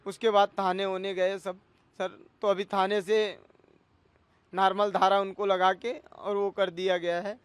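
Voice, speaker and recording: Here a cook in his thirties alleges assault, pleading with a news interviewer he keeps calling sir. His high-pitched voice is level, clear and resonant, a little slow, and there is no room sound.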